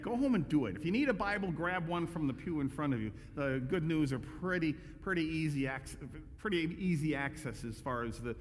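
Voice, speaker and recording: A male pastor preaching a conversational, emphatic sermon with frequent restarts. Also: fairly high pitch. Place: church sanctuary. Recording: echoey church hall.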